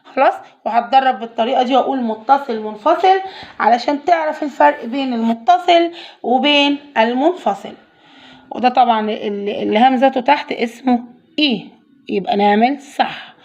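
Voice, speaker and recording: A woman's voice: on the high side, a little fast, a little mellow, dull audio. A woman with an Egyptian Arabic accent teaching young children to read, patiently sounding out letters and praising them. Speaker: primary school teacher. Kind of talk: children's reading lesson.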